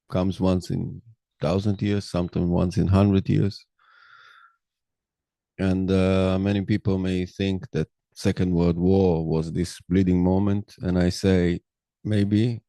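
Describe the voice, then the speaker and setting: A middle-aged Israeli podcast host, whose first language is Hebrew, speaks English as a second language in a low, gravelly voice with a dark, mellow tone. He's slow and halting, full of ums and uhs, talking through his views in a loose personal monologue. The sound is dry and close.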